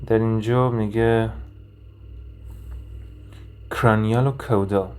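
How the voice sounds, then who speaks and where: Mellow-voiced man teaching anatomy. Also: lowish voice, steady tone, clear, resonant tone. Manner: explains step by step, asking and answering his own questions; thinks aloud with frequent hesitation sounds. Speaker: anatomy instructor. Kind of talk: recorded lecture with drawing and reading.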